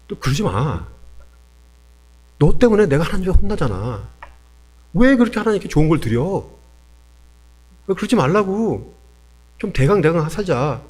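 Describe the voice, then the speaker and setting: A preacher acting out Cain, the angry brother. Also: male voice, a little high, a little mellow, pitched above the performer's own voice. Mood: irritated. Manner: scolding, threatening, blunt. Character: angry bullying older brother, young man.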